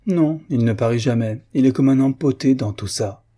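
A man reading aloud and voicing a spirited, quick-tempered young society woman who teases and flares up. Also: medium pitch, mellow, lightly acted. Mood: teasing. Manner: teasing, then indignant outbursts. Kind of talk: audiobook character voice.

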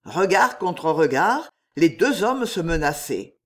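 Slow, expressive woman reading a novel. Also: on the low side. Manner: measured, expressive storytelling. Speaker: reader. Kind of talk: reading a historical novel aloud.

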